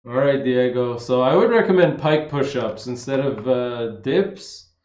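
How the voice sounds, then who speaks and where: A man casually answering viewers' fitness questions on a livestream, relaxed and chatty, often saying "man" and "like". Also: mid-range voice, a little slow. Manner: laid-back, says "man" and "like" a lot, reads questions aloud. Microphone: streaming setup. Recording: roomy, slightly dull livestream audio.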